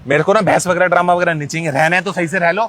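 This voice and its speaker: Pushy fast-talking man demanding rent. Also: sits high, fairly even intonation, a bit bright. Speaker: prankster posing as landlord. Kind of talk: staged street prank.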